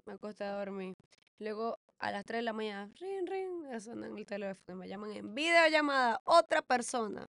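A woman's voice: medium pitch, brisk, creaky, a bit bright, dry recording. A woman co-hosting a podcast in casual chat, telling her own story, quoting dialogue and dropping in English words. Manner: chatty, mixes in English words, quotes dialogue dramatically. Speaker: podcast co-host.

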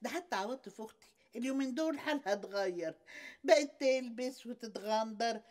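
A woman's voice: a little high, lively intonation, fairly quick, darkish tone, lightly acted. An older woman with an Egyptian accent playing a suspicious, demanding mother-in-law who keeps asking questions in a TV drama. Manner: prying, complaining, insistent questions. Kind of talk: TV series acting.

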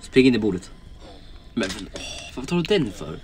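Lively jokey male game commentator. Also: on the low side. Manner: jokey, narrates the character's thoughts in quick asides. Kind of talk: playful Let's Play commentary.

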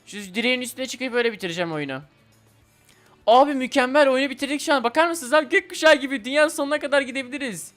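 Quick excitable young man doing game commentary, quiet music behind him. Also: extremely high pitch. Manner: excitable, talks to viewers and the game. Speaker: gaming video host. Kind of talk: excited let's-play commentary.

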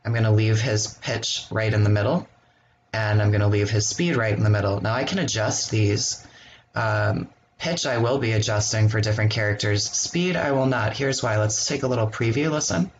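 A man hosting a screen-recorded software walkthrough, explaining each step in a relaxed way with the odd um. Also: fairly low pitch, moderate pace, dull audio, a little hiss or hum. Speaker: software tutorial host.

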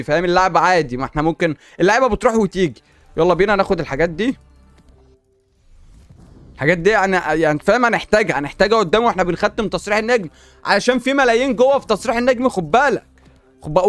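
A man with an Egyptian Arabic accent giving excited commentary while opening packs in a video game, exclaiming and talking back to the game. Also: high voice, no room sound. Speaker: gaming YouTuber.

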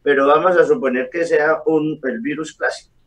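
A middle-aged man, a doctor, explaining calmly over a video call with frequent hesitations. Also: fairly high pitch, moderate pace. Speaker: doctor guest. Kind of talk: explanatory interview answers. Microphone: webcam on a video call. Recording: distant video call audio.

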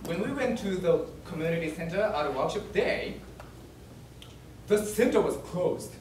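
A young man with a Japanese accent, a non-native English speaker, giving a project presentation in an animated, laughing storytelling manner. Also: sits high, normal speed. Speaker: student presenter. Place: presentation room. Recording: echoey room, distant mic, noisy.

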